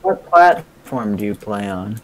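This young man, hosting a casual gaming video, sounds animated in a lowish voice as he questions his friend, jokes, and drops quick cheerful asides mid-play.

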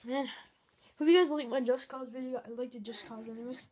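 A woman giving excitable mock play-by-play commentary, swinging from low mutters to sudden yelps, filmed at home in a bedroom. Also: brisk. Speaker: channel host filming pets. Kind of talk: mock sports commentary on a cat fight.

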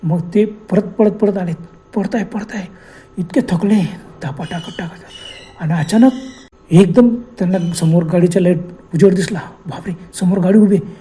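A man's voice: high-pitched, normal speed, mellow. A man telling a horror story with a dramatic, suspenseful delivery.

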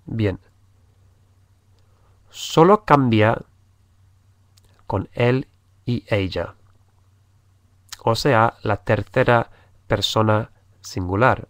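A man's voice: lowish voice, very slow, pauses often, dry recording, clean studio sound. A man teaching a language lesson, patiently repeating each phrase and spelling out letters. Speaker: English teacher. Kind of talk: slow spoken language lesson.

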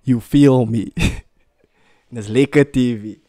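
A man's voice: medium pitch, takes it slowly, dry recording. A young man with a broad Cape Town South African accent giving casual, slangy music reaction commentary, emphatic and repeating himself, close on a studio microphone. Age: young adult. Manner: animated, emphatic, repetitive, swearing. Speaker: music reaction video host. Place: small plain room indoors. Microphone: close studio microphone on boom arm.

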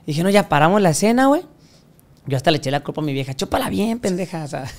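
A man's voice: on the high side, sing-song, very fast. Crude, swearing Mexican man telling stories. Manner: crude, profanity-laden, acts out quoted voices. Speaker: podcast guest. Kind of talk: casual storytelling interview.

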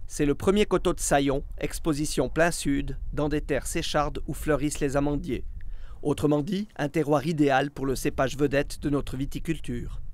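Swiss French male voice-over, scripted TV report, slightly high, steady pace. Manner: even, measured read. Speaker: narrator of a TV report. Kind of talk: scripted narration.

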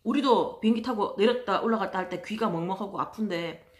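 A woman telling stories in a casual monologue, chatty and exasperated, acting out other people in loud voices. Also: medium pitch, fairly quick. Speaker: vlogger.

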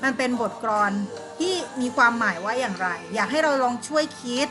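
A woman's voice: fairly high pitch, lively intonation, brisk, music in the background. A woman teaching an online primary school class, patiently explaining and asking her pupils questions. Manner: patient, coaxing, asks pupils questions and answers them herself.

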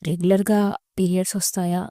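A woman voicing a kind, firm middle-aged woman doctor in a storybook reading, asking questions gently. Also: lowish voice, level tone, fast, dry recording, clean studio sound, lightly acted. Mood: gentle.

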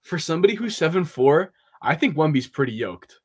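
A man's voice: a little high, sing-song, brisk, slightly rough. A young man co-hosting a casual postgame sports chat over a video call, talking in a loose, joking way. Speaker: podcast co-host. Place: small room indoors. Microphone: video call webcam.

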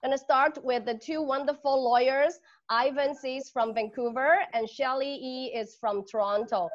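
A woman hosts an online panel in a loose, chatty way, with casual fillers. Her voice sits a little high. The sound is dull and lo-fi, as over a video call. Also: fairly even intonation, normal speed. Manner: chatty, informal, with laughs. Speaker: host.

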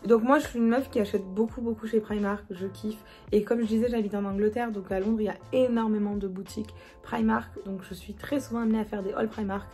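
A woman's voice: medium pitch, steady tone, a little fast, hardly any pauses, warm tone, faint music behind. A young woman with a Marseille accent chatting casually through a makeup review, slangy and laughing, dropping into murmurs as she applies products. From France. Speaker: beauty vlogger.

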